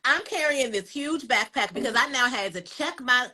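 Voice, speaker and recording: A woman with a bright, forceful voice pitched a little high, spinning a story for her listeners. She talks casually, acts out the moments, and keeps checking in with her audience. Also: moderate pace. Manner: animated, dramatic retelling with asides to listeners. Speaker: co-host.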